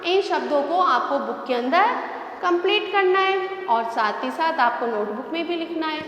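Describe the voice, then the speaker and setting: A woman's voice: high-pitched, lively intonation, moderate pace, a bit bright, lo-fi sound, slight background noise. A woman primary school teacher giving a class lesson, patient, repeating and asking the children questions. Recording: echoey room with long reverb, faint ambience.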